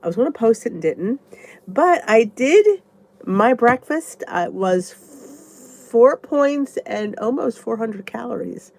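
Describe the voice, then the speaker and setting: Speaking slowly with big pitch swings and vocal fry, the woman's voice sits on the high side and is a little mellow. She's a congested vlogger answering viewer comments in a casual live chat, rambling chattily and thinking aloud.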